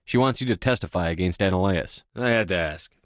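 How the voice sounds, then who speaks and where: A man playing a composed, tough, businesslike space navy commander in a video game, with measured, clipped delivery. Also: deep voice, no room sound, studio quality, close to an everyday voice. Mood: measured, matter-of-fact. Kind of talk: scripted video game dialogue.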